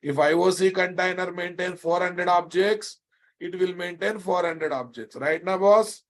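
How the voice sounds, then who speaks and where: Emphatic higher-voiced man, Telugu Indian accent. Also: moderate pace. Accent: Telugu Indian English. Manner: emphatic, repetitive, chiding, prodding students with questions. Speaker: programming instructor. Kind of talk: live technical lecture to students.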